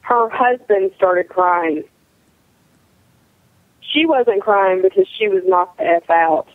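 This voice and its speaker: A woman's voice: medium pitch, takes it slowly, no room sound. Blunt, matter-of-fact female co-host heard over a tinny, dry phone line. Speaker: co-host, wrestler. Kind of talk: casual radio chat.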